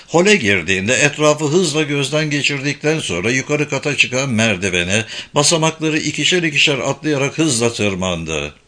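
A man narrating a novel as an audiobook with expressive, animated reading. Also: mid-range voice, normal speed, few pauses. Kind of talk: scripted narration.

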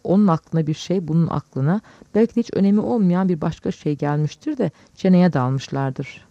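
A man calmly reading literary prose aloud as an audiobook narrator, in a measured way. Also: on the high side, dry recording. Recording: dull lo-fi dry recording.

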